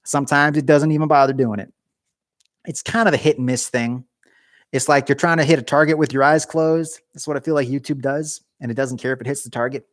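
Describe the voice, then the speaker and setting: A young man streams live from his garage, rambling casually and joking with viewers while his voice wears out. His pitch is medium and his intonation fairly even, delivered briskly in clean studio sound with no echo.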